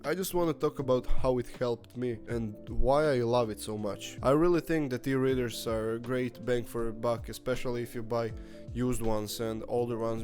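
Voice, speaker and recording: Speaking directly to the camera, a book vlogger delivers a relaxed, candid monologue full of jokes and the occasional swear word. His voice sits at an ordinary middle pitch, his first language is Croatian, and soft music plays faintly beneath him.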